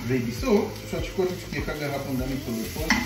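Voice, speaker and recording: A man with a Kenyan accent giving a relaxed, chatty home cooking tutorial, switching between Swahili and English. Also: on the high side, rapid-fire. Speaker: home cook vlogger. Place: home kitchen. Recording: echoey kitchen with loud frying sizzle.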